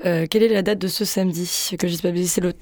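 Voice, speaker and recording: A co-host on a live radio show speaks in a mid-pitched voice, in a dry studio. The talk is casual, with hesitations and light asides. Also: steady tone, rapid-fire, a little mellow, dry recording.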